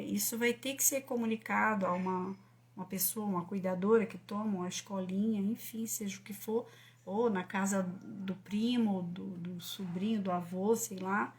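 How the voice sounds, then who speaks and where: A woman with a Brazilian Portuguese accent explaining child-rearing to parents, animated and emphatic, asking rhetorical questions. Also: medium pitch, moderate pace. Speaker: parenting educator and author.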